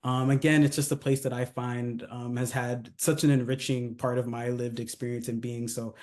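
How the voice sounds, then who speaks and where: Presenting a retreat in a casual video overview, a Californian company CEO speaks in a mellow, mid-range, level voice at normal speed. He talks conversationally, uses many fillers, and often ends sentences with "right?".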